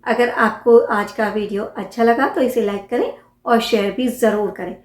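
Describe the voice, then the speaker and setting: A woman teaching English pronunciation, spelling out words letter by letter and repeating each one slowly. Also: fairly high pitch, steady tone, roomy sound. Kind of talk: pronunciation lesson.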